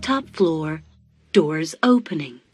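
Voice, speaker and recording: An unhurried, impersonal elevator voice announces floors in a cartoon. The delivery is measured and automated, like a recorded lift announcement. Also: female voice, low-pitched, expressive, loud music behind the voice. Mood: neutral announcing. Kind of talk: cartoon voice acting.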